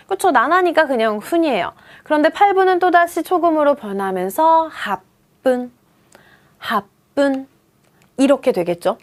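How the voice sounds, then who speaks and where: Fairly high pitched lady teacher, swoops up and down a lot, coaxes you through the lesson. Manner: lively, coaxing teacher tone with quiz questions. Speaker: Japanese language teacher. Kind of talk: video lesson.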